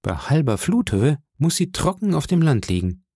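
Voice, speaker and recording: A man's voice: fairly high pitch, very animated, moderate pace, mellow, slightly rough, no echo, studio quality, pitched above the performer's own voice, heavily acted. A man voicing an honest, frightened teenage cabin boy who pleads earnestly in an audiobook reading. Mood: pleading.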